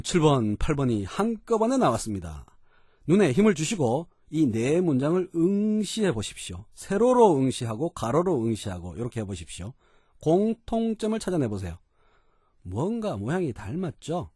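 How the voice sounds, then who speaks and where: A man teaching English in a lecture, explaining in Korean and dropping into slow, careful English examples. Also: fairly high pitch, dark tone, husky, no room sound, clean studio sound.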